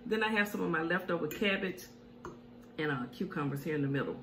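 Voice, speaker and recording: A middle-aged woman hosts a mukbang-style home cooking show in her indoor kitchen, chatting casually while she eats and hums over her food. Her lowish voice is fast and a bit bright, and the room sounds echoey with faint hiss.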